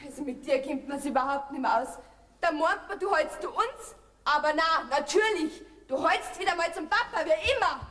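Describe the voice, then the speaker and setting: An actress with a Bavarian accent playing a cheeky, rebellious grown daughter in a folk theater comedy. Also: female voice, high voice, animated, normal speed, a bit bright. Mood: pert. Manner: pert, egging on. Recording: stage recording in a hall.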